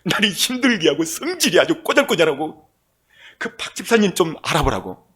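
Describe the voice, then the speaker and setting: A man voicing an indignant elderly church elder who pleads and protests loudly, with a husky voice. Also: fairly high pitch, very animated, fairly quick, heavily acted. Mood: aggrieved.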